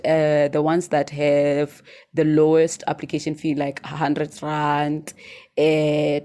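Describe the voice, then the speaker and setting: A woman vlogger giving casual advice, often ending her points with "right?" and filling pauses with "um" and "uh". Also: sits low, darkish tone. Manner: chatty, ends points with "right?"; many fillers and restarts. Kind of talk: informal advice monologue.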